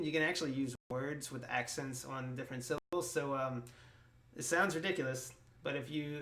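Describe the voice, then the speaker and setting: Relaxed man teaching guitar. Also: medium pitch. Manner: relaxed, with frequent ums and restarts. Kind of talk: casual guitar lesson. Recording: roomy sound with loud guitar. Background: his own guitar playing.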